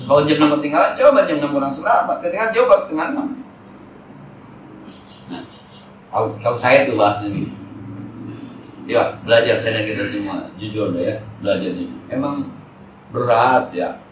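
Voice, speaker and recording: A man's voice: medium pitch, a little fast, long pauses, a little hiss or hum. A man, giving a chatty, joking religious study talk in a mosque. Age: 40s. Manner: chatty, jokey, slangy Jakarta talk. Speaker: Islamic teacher. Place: mosque hall. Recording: echoey hall from far off.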